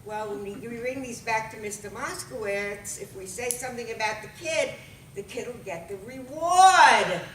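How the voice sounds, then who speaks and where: A woman voicing a matter-of-fact police officer, talking flatly and low-key. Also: normal speed, slight background noise. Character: gruff Brooklyn beat cop, matter-of-fact. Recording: roomy and far from the mic.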